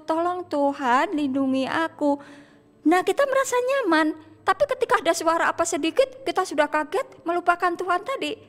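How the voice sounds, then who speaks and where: A woman teacher with a fairly high voice tells a Bible story to schoolchildren, dropping "ya" tags between phrases and acting out the characters' cries. Her voice rings with a long reverb, as if she is in a school hall. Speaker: teacher leading school worship. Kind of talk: children's Bible story sermon.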